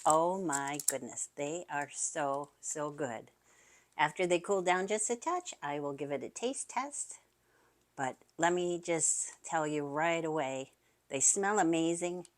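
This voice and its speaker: A woman's voice: sits low, slow pace. A woman hosting a home cooking video, chatty and enthusiastic, talking straight to her viewers as she shows a recipe. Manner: enthusiastic, chatty, addresses viewers as you guys. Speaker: cooking channel host. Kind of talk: casual recipe demonstration.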